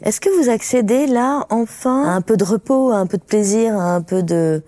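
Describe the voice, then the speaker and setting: A woman's voice: medium pitch, normal speed, mellow, no echo. A woman hosting a podcast, interviewing a guest with short curious questions. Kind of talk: conversational interview.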